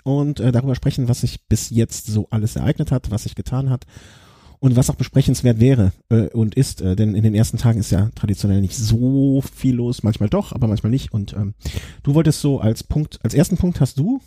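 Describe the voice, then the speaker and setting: A man hosting a podcast in casual conversation, with a husky, raspy voice. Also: mid-range voice, a little fast, dark tone, no room sound, studio quality. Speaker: podcast host.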